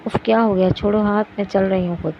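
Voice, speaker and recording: A woman's voice: medium pitch, fairly even intonation, fast, natural voice. Woman doing a snappy touchy teen girl, audiobook, kinda dull lo-fi sound with noise behind. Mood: irritated. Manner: indignant, snapping. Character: teenage girl, touchy and quick-tempered. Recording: dull lo-fi recording with background noise.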